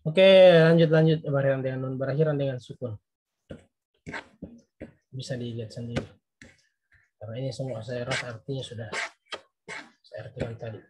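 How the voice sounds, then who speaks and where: A man's voice: mid-range voice, level tone, brisk, pauses often, background noise. A man giving a recorded Arabic grammar lesson, explaining patiently and translating each word. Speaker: Arabic teacher.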